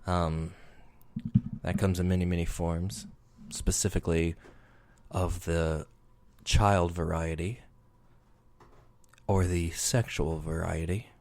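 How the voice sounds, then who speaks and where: A man's voice: low voice, little pitch movement, takes it slowly, pauses often, a little mellow. A man co-hosting a podcast at home, chatting casually and playfully with his wife into a desk microphone. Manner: joking, playful. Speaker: podcast co-host. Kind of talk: casual chat. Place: home room with lights off.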